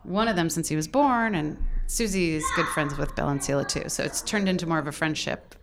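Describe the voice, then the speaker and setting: A woman who volunteers as a mentor, speaking in a measured, thoughtful way in an interview. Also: low-pitched, background noise. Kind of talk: casual interview talk.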